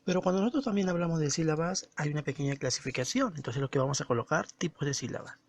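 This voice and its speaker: Male teacher, slightly high voice, slow and didactic, dry close recording. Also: dry recording. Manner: slow and didactic, stressing words and syllables. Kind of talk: recorded classroom lesson.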